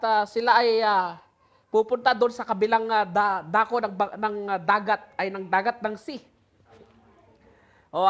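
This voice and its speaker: A woman with a Filipino accent preaching a sermon in mixed Tagalog and English, asking rhetorical questions and reading scripture slowly and with emphasis. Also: a little high, a bit bright.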